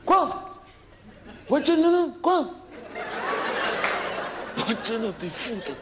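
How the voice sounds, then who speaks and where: Man doing a high-pitched cocky candidate, brash, stammering, loud laughing crowd. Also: very animated, slow, very noisy, full character voice. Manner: brash, argumentative, stammering slangy talk. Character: cocky young man at an oral English exam. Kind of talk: stand-up character sketch. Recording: live stage show, loud laughing crowd. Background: audience laughter.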